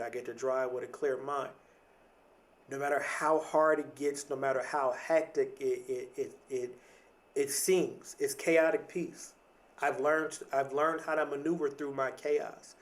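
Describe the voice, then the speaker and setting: Speaking at a medium pitch, this man in his late 30s hosts a podcast and offers an easygoing motivational talk. His style is conversational and reflective, and he repeats certain phrases for emphasis.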